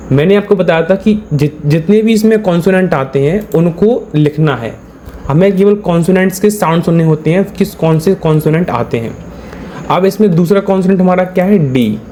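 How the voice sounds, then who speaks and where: A man's voice: a little high, darkish tone, a little hiss or hum. A male teacher giving a patient, step-by-step lesson, repeating his points and checking that his students follow. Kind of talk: step-by-step classroom explanation.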